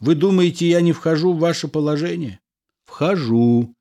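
A man reading the part of a calm husband who reasons things out with patient irony. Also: on the high side, moderate pace, pitched above the performer's own voice, natural voice. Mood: wry. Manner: ironic, patient, lecturing. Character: calm, wry, reasoning middle-aged husband engineer. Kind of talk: audiobook character reading.

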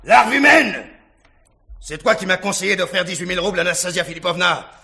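An actor playing a rich, reckless young merchant's son who swings from low mutters to roaring shouts, in a 1960s radio drama. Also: male voice, expressive, normal speed, husky, heavily acted. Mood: furious.

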